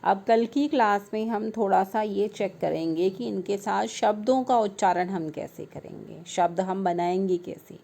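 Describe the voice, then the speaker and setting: A young woman teaching small children in a patient, unhurried way, breaking words into single sounds. Her voice is mellow and warm, and she speaks slowly. She talks to the children affectionately. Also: mid-range voice, vocal fry. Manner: slow, patient, spelling out sounds syllable by syllable; affectionate, calls the children "beta". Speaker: primary school Hindi teacher. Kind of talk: online class lesson for young children.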